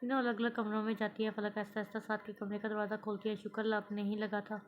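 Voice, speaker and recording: A woman reading a romance novel aloud in a plain, even storytelling manner. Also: mid-range voice, fast, lo-fi sound. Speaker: novel reader.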